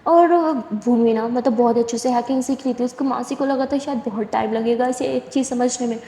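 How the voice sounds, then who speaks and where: Brief: woman storyteller, mellow voice, faint hiss, roomy reverb. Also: fairly high pitch, steady tone. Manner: plain retelling, "she says" framing. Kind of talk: narrated love story. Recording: echoey room with long reverb, faint hiss.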